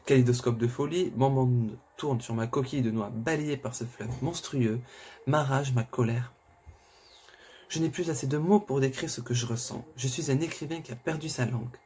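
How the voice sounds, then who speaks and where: A man reads a thriller aloud in the first person. His voice is mellow and dark, mid-pitched, and he colors the narration with sudden cries and despair. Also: moderate pace, slight background noise. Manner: expressive, swings between narration and outbursts. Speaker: reader of a thriller. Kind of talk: dramatic first-person reading.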